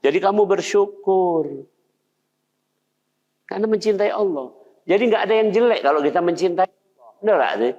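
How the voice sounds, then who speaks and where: An older male preacher, giving a conversational sermon and putting questions to his listeners. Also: fairly high pitch. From Indonesia. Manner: conversational, asks the audience questions. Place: mosque hall. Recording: dull sound in a long-reverb hall.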